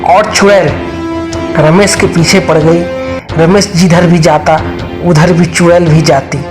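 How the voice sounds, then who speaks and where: A man's voice: a little high, level tone, a little slow, music in the background. A man narrating a cartoon horror story in a plain, repetitive way.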